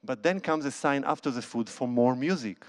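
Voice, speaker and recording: Speaking at normal speed in a medium-pitched voice, a man who conducts and plays cello chats with a concert audience from a church stage via a handheld microphone. His stories come out casually, with restarts and non-native phrasing.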